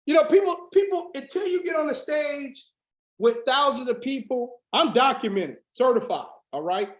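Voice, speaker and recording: A hoarse man coaching a business team on a video call, preaching with fire and breaking into shouts. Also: extremely high pitch, lively intonation, normal speed, reverberant. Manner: fiery preaching, rising to shouts. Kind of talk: motivational sales training on a video call.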